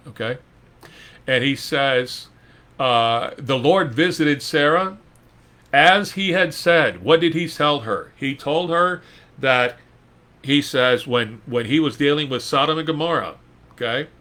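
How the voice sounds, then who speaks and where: A man's voice: mid-range voice, bright, forceful tone. A man teaching an informal Bible study in a conversational way, reading verses and retelling them in plain speech.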